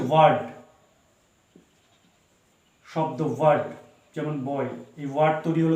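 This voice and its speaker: A male teacher giving a lesson. He talks slowly, repeats himself and spells words out letter by letter. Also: fairly high pitch, darkish tone, reverberant. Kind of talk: explaining English basics in Bengali.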